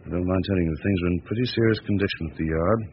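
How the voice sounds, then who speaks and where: An actor playing a worried, blunt Scotland Yard chief inspector in a vintage radio drama, with earnest, clipped, old-fashioned speech. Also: male voice, low voice, rapid-fire. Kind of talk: 1940s radio acting. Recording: lo-fi old radio recording with hiss.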